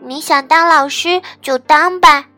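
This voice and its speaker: A woman's voice: high voice, unhurried, pushed and bright, faint music behind, voice pushed up. A woman voicing a bossy young girl playmate who likes to brag, in a commanding, teacher-like tone, for a storybook reading. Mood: friendly. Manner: commanding, schoolteacher tone.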